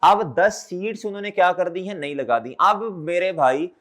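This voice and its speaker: Brief: male lecturer with a high voice, drilling students with repeated questions. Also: animated, moderate pace, a bit bright. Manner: calls students brother and children. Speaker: accountancy teacher. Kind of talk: classroom lecture.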